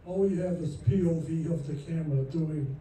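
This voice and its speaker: A high-pitched man spins loose, joking stories as a panel guest, often starting sentences over. He sounds far from the mic in a very echoey hall, with a faint hiss underneath. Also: moderate pace, warm tone. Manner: rambling, jokey, restarts often. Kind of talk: anecdotal storytelling at a Q&A. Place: festival screening venue.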